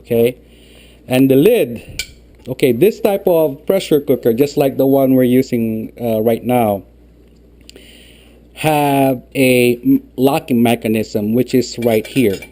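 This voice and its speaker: A man's voice: medium pitch, takes it slowly, warm tone. A man explaining a cooking recipe step by step in a patient way, often checking in with "okay". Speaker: home cooking instructor. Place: home kitchen.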